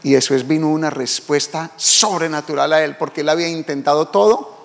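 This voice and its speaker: A man preaches a sermon in a high voice. He is emphatic and keeps calling out to his congregation. His voice carries a long, ringing reverb from a church hall. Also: steady tone, brisk, vocal fry. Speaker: pastor.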